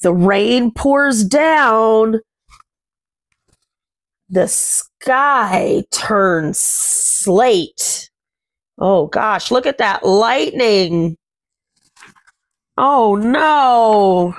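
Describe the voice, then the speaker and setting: In a small indoor room at home, a young woman hosting a children's read-aloud reads a picture book with sing-song expression, chatting as she reads. Her voice is fairly high and animated, extremely slow with frequent pauses, and there's no echo.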